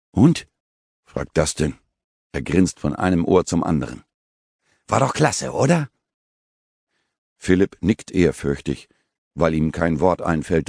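A man reading an audiobook with vivid, even storytelling. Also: very deep voice, no room sound. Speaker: audiobook narrator. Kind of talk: scripted audiobook narration. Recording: dry studio recording.

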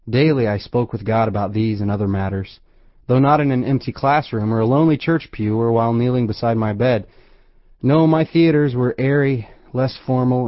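A man narrates a first-person audiobook in a wry, measured way, his voice sitting in an ordinary middle register. The recording is close and dry, with a slightly dull, muffled top end. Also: mid-range voice, no room sound.

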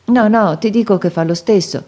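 A woman reading the lines of an earnest young man who gently teases his father, in an audiobook. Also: medium pitch, normal speed, pitched above the performer's own voice, close to an everyday voice.

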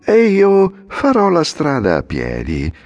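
A man voicing a sly, flattering little old man with a sugary, cruel edge, in a storybook reading. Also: on the high side, lo-fi sound, pitched above the performer's own voice, full character voice. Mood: honeyed. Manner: slow, honeyed and flattering.

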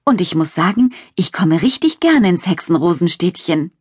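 Woman playing a croaky old witch lady, friendly and a bit scatterbrained, voice bouncing up high, storybook. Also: sing-song, moderate pace, no room sound, clean studio sound. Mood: chatty.

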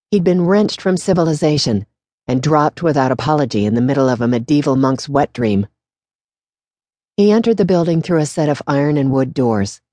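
A woman with a low, mellow voice reads a novel aloud in a steady, measured way. The sound is close and completely dry, like a studio audiobook. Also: no room sound. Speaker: audiobook narrator. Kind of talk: scripted narration.

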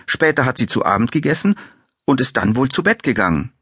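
A man's voice: mid-range voice, sing-song, fairly quick, a bit bright, husky, dry recording, voice pushed up, exaggerated voice. Brief: stiff, offended hotel director in his fifties, read by a man, formal and put out, dry audiobook sound. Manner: formal, slightly annoyed.

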